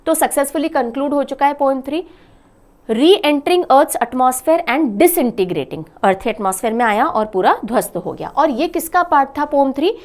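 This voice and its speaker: A woman's voice: high voice, expressive, normal speed, a little mellow. A woman teaching a current affairs lesson for exam preparation, asking questions and answering them herself, mixing English phrases into Hindi. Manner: explains step by step, asks and answers own questions. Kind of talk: exam-prep lecture.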